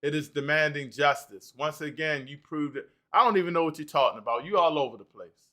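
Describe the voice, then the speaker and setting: Male stream host, bright and fairly high voice, works through the chat out loud. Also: fairly quick. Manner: animated, reads out and answers chat comments. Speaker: livestream host. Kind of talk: livestream talk reading chat comments.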